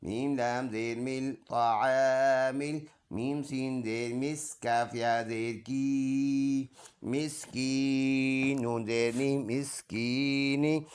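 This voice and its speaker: A male Quran teacher with a Pakistani accent, middle-pitched and unhurried, works through each verse syllable by syllable at an extremely slow, deliberate pace. Between the spelled-out syllables he chants the whole verse in a steady recitation.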